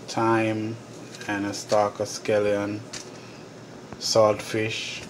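Slow, low-voiced Jamaican man cooking. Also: background noise. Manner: relaxed step-by-step kitchen talk to viewers. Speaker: home cooking show host. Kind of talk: casual cooking vlog. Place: home kitchen. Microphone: phone camera held over the stove. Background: pots boiling and sizzling.

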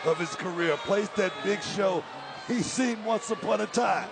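A man's voice: high-pitched, unhurried, gravelly. A man giving colloquial live wrestling commentary as an analyst, repeating phrases for emphasis. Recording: crowd and arena noise.

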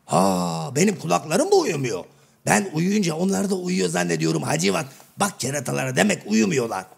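Man voicing a shadow-play clown, male, middle-aged, gravelly, husky, bouncy lively pitch, mishears everything. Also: fairly quick, exaggerated voice. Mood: mock-innocent. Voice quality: gravelly, raspy. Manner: mishears everything and answers with cheeky misunderstandings. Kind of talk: comic shadow-play sketch.

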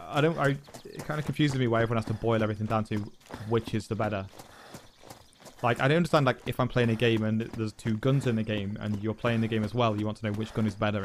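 Through a headset mic in a small room, an English-accented streamer in his thirties chats casually, swearing as he spins self-mocking stories. He speaks at medium pitch, with slight background noise in the recording.

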